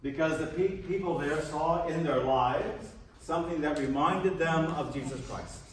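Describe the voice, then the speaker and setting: A man's voice: on the high side, moderate pace. Male priest, informal class lecture, asks the room questions, distant mic, big echo, faint hiss. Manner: conversational, quizzes the audience. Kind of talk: informal lecture to a parish group. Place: large room with a live audience.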